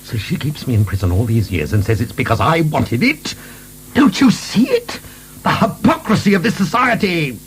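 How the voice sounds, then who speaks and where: A man's voice: a little high, very animated, normal speed, slightly rough, full character voice. A man acting in a radio drama as a proud, sardonic, indignant imprisoned French marquis, declaiming theatrically. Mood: bitterly mocking. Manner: theatrical, declamatory, swinging from wry to outraged. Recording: faint hiss, 1990 radio broadcast.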